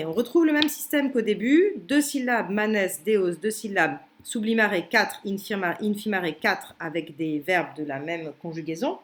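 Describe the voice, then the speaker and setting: French woman explaining with many fillers. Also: lowish voice. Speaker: teacher. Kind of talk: commented translation lesson.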